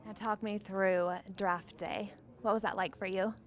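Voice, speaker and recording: A woman's voice: mid-range voice, fairly even intonation, measured pace. A woman asking conversational questions as a sports interviewer.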